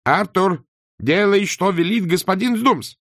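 A man's voice: high-pitched, animated, a little slow, fairly bright tone, no echo, clean studio sound, voice pushed up, heavily acted. A man reading an audiobook, voicing a bossy, imperious female vampire who scolds her husband.

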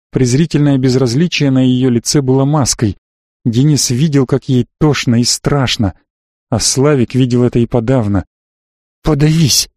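A man with a medium-pitched voice narrates a novel as an audiobook, telling the story in a measured, even manner. The scripted narration has clean studio sound with no echo.

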